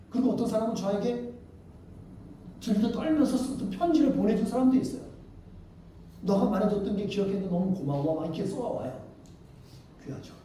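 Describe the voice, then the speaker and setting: A man in his fifties preaches from a distance, his voice high but dark and mellow. He tells a story and acts out each person's lines. The hall rings with heavy echo under a faint hiss. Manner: storytelling, quoting others in dialogue. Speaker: pastor. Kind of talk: sermon testimony. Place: church hall.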